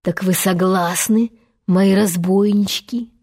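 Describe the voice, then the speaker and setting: A fierce pirate captain, put on by a woman reading a storybook, growls his questions slowly and with menace. The voice drops low and drags each word out, proud and threatening. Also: steady tone, a little mellow. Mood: menacing.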